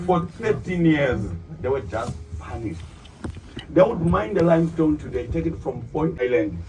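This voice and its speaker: A South African tour guide, not a native English speaker, narrates a bus tour with a slightly high voice, lively intonation and normal pacing. He questions the group, addressing them as "good people." His voice comes through tinny and distant like a PA, under loud vehicle noise.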